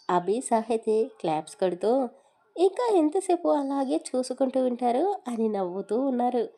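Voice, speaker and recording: A woman's voice: medium pitch, dark tone. A woman narrating a romantic audio story with a Telugu accent, voicing every character's dialogue herself.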